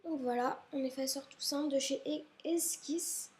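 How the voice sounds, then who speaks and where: Her voice is high but somewhat dark, steady in tone and at a normal speed. She's a young woman vlogging at home, indoors, giving a rambling, casual tour of her school supplies while often apologizing. She sounds slightly ill and perhaps stuffy-nosed.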